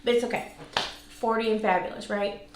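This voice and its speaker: This vlog host, a woman around forty, reviews products while talking informally to her audience, with the occasional joke at her own expense. Her voice sits on the high side, steady in tone, at a moderate pace. The room echoes, and there's a faint hum of background noise.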